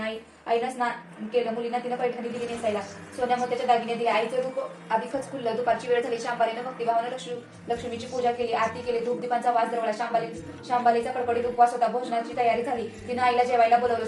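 A woman storyteller reading a devotional folk tale aloud in a brisk, steady way. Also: fairly high pitch, echoey room, recorded from a distance, low-quality recording.

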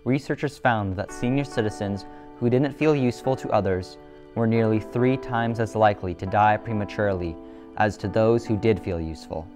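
A man reading a scripted documentary narration in a measured, serious way. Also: lowish voice, darkish tone, faint music behind.

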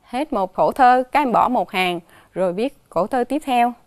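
A woman teaching children a dictation lesson, slowly and carefully spelling out each sound and tone mark, with a Southern Vietnamese accent. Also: a little high, lively intonation, no echo. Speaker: primary school teacher.

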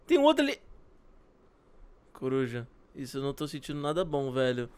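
A man hosting a Minecraft let's play, joking with a friend and yelling in panic. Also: medium pitch, very animated, normal speed, clean tone. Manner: jokey, shouts in panic, teasing. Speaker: gaming channel host.

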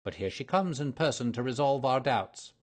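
남자가 읽는 침착하고 정확한 남자 탐정, 차분히 추리를 설명하는 말투, 약간 허스키한 목소리. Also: male voice, mid-range voice, lively intonation, pitched above the performer's own voice, lightly acted. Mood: lecturing. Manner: measured, explaining deductions. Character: male detective, cool, precise and lecturing. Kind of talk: audiobook character reading.

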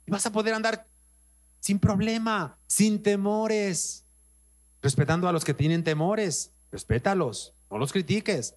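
Emphatic Mexican pastor preaching. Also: male voice, high-pitched. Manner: emphatic, repeats phrases, addresses congregation directly. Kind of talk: sermon. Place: church.

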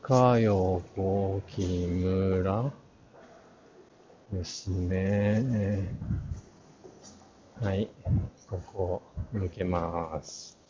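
A man with a low, fairly even voice murmurs casual, fragmentary commentary as he walks a large, busy indoor art fair, acting as a vlog guide and half talking to himself, muttering names in a halting way. He's recorded on a masked handheld action camera held at arm's length, so the sound is muffled, with crowd chatter filling the exhibition hall.

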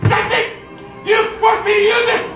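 A man's voice: extremely high pitch, flat delivery, moderate pace, over music. A man on a small theater stage playing a manic male chihuahua space captain, ranting shrilly and unhinged. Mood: paranoid. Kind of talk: live stage comedy acting. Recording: echoey room from a far phone camera, audience laughter.

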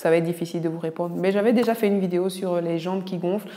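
A woman's voice: fairly low pitch, fairly even intonation, fast, very noisy. Cameroonian lady doctor doing a q&a, frank and joking, kinda echoey room. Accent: Cameroonian French. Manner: frank, teasing, blunt asides. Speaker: doctor answering viewer questions. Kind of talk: casual video Q&A.

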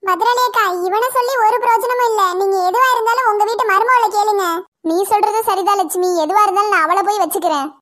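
A woman with a Kanyakumari Tamil accent voicing a shrill, bossy, quarrelsome village mother-in-law in a cartoon. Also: fairly even intonation, quick pace, fairly bright tone. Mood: indignant. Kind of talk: cartoon voice acting.

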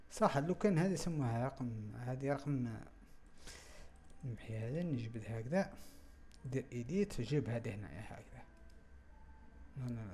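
Young Algerian male tutorial host, gravelly voice, halting think-aloud delivery, faint hiss. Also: medium pitch, warm tone. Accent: Algerian Arabic. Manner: thinking aloud, halting, mutters to himself while working. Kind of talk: screen-recorded software walkthrough.

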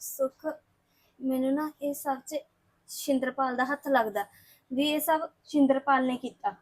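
A woman's voice: high voice, measured pace. An actress playing a worried young woman who pleads tearfully for justice. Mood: hushed. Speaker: distressed young wife seeking justice. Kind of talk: Punjabi web-series acting.

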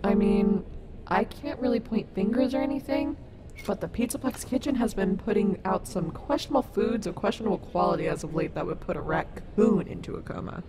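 A woman's voice: medium pitch, a little fast, lightly acted. A woman playing a caring, sassy robot wolf animatronic in an ASMR audio roleplay, soothing and reassuring with a wry streak. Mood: wry, concerned. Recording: noticeable background noise.

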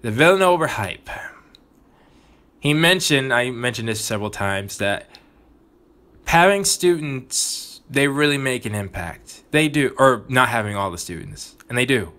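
A man's voice: medium pitch, expressive, measured pace, bright, forceful tone. A man hosting a gaming channel, talking earnestly and reflectively about his playthrough in casual commentary. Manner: earnest, reflective, thinking aloud.

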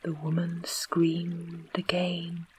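A woman with an English accent reading a bedtime story in a soft unvoiced whisper, as whispered role-play. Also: fairly low pitch, monotone, very slow, slight background noise, rough recording. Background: faint trickling water ambience.

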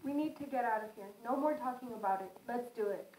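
A woman's voice: a little high, fast talker, a little mellow, lightly acted. A young woman voicing a determined female detainee who talks urgently and earnestly. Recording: echoey room, faint noise.

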